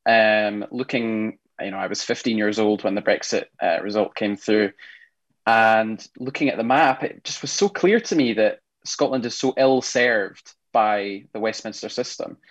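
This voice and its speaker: A man's voice: lowish voice, moderate pace. A young adult man, a council candidate, giving confident, lightly joking panel answers.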